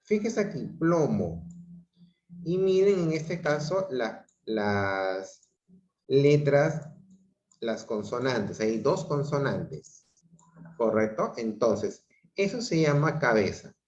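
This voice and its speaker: Slow-talking man teaching over a video call. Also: mid-range voice, sing-song, a little mellow. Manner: slow, repeats himself, checks with "¿ok?". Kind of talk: online grammar class. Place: home room on a video call. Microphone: computer mic on a video call. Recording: roomy, dull lo-fi video call audio.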